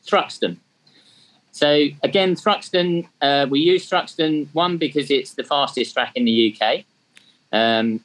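Over a low-quality recording, a mid-range male voice belongs to a fifties-aged guest from England whose accent has a hint of Australian. He organises charity track days and talks casually about it, frequently umming and poking fun at himself.

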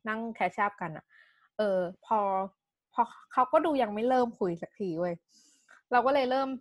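A young woman in casual chat, telling a personal story with animated delivery and English words mixed in. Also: a little high, normal speed.

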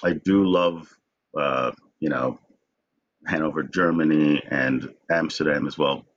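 Speaking unhurriedly in a rumbling low voice, this man from Jamaica, in his forties, appears as a guest in a conversational interview. He comes across as reflective and tends to repeat words when starting a thought, and the audio has a dull lo-fi sound.

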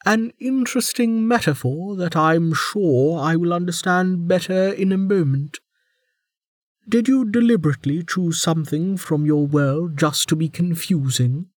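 In this audiobook character voice, a man plays an ancient, commanding woman warden, raising his pitch well above normal and stretching words with slow, scornful emphasis. She comes across as sardonic and teasing, read close and dry with no room sound.

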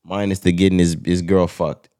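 A man's voice: low-pitched, little pitch movement, normal speed, mellow, no echo, studio quality. A man co-hosting casual sports banter in a crude, slangy, profane frat-bro manner, joking around. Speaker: podcast co-host.

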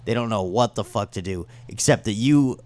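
A man's voice: fairly low pitch, normal speed, darkish tone. A man vividly narrating scenes in a tabletop game, with casual profanity.

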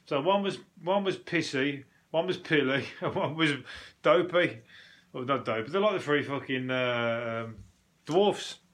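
A man's voice: mid-range voice, animated, measured pace, fairly bright tone. A man with a Birmingham accent chatting casually on his own as a show host, rambling, joking and swearing freely. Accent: Brummie (Birmingham). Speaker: host of a news commentary show. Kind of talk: casual solo chat about news stories.

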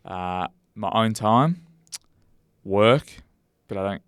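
A man's voice: lowish voice, expressive, slow, a bit bright, clean tone, no echo, studio quality. A young man with a broad Australian accent, co-hosting a podcast with matey, rambling, slangy talk. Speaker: podcast co-host. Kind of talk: casual podcast chat.

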